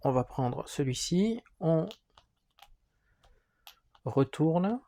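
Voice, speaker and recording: A man's voice: on the high side, animated, extremely slow, mellow. A man walking through the rules of a wargame, talking hesitantly with frequent fillers as he handles the pieces. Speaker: board game presenter.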